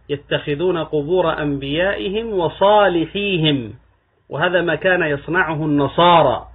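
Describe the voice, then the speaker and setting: Man giving a religious lesson, husky, kinda high voice, sounds like a thin phone recording. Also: narrow, tinny audio. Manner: measured teaching cadence, rising emphatically on key terms. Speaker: Islamic scholar. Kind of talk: religious lesson explaining hadith.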